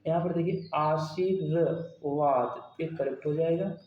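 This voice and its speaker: A man's voice: a little high, steady tone, normal speed. Man teaching in an echoey room. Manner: explains step by step, asks questions then answers them. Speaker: Hindi grammar teacher. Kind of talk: exam-prep lesson. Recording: dull, roomy sound.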